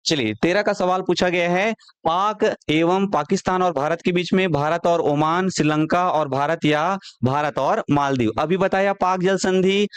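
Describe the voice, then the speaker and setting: High, crisp-voiced exam tutor. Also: male voice, dry recording. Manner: asks questions and answers them himself, repeats key facts. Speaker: exam-prep teacher. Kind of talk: online classroom lecture.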